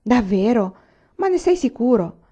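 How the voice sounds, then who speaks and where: A woman's voice: medium pitch, animated, a little fast, dark tone, close to an everyday voice. A woman reading the part of a spirited young frontier woman who speaks frankly and firmly. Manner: frank and firm.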